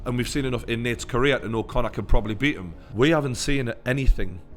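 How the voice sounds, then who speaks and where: A man with a Newcastle Geordie accent delivers blunt, opinionated fight commentary. His voice sits at an ordinary male pitch and he swears freely. Music plays behind him. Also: fast.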